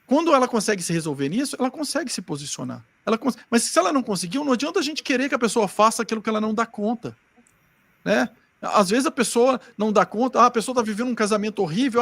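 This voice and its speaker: Fast-talking Brazilian man with a gravelly voice. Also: very high-pitched, a bit bright, dry recording. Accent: Brazilian Portuguese. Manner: rambling, acts out quoted dialogue. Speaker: spiritual group speaker. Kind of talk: casual spiritual talk.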